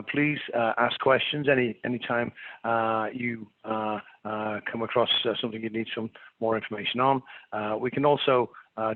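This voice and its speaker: Middle aged english guy doing a webinar, polite and halting, gravelly voice, dry tinny phone audio. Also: mid-range voice, no echo. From England. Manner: hesitant, self-deprecating, polite. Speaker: webinar presenter, clinical consultant. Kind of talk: informal professional webinar presentation. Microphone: remote webinar call. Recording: narrow phone-like line.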